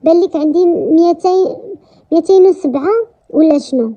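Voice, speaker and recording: A woman's voice: very high voice, a little fast, dark tone. A woman with a Moroccan accent voicing a teasing young male math teacher in a romance story. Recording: dull lo-fi recording.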